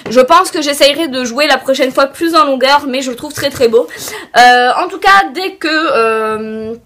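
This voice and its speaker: Chatty high-voiced woman beauty vlogger. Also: moderate pace, fairly bright tone. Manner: chatty, hesitant with many fillers. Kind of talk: casual product review.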